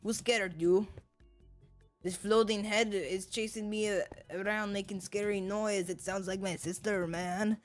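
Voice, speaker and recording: A woman's voice: medium pitch, fairly even intonation, measured pace. A woman giving casual, goofy, rambling commentary while playing a video game. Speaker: gaming video host. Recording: game music behind.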